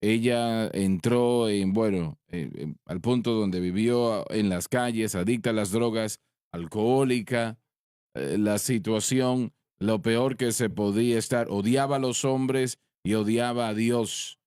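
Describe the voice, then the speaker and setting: A low-voiced man speaks as a preacher on a ministry panel. He tells his story slowly and deliberately, pausing and restarting now and then. The sound is dry and close. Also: darkish tone, clean tone, no room sound. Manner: slow, deliberate, with pauses and restarts. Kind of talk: sermon-style storytelling in a panel discussion.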